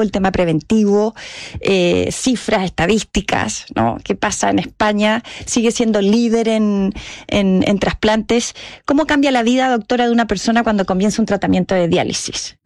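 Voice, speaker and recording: A woman's voice: mid-range voice, moderate pace, a little mellow, dry recording. A woman hosting a conversational interview in a studio, introducing and questioning as she goes. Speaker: host.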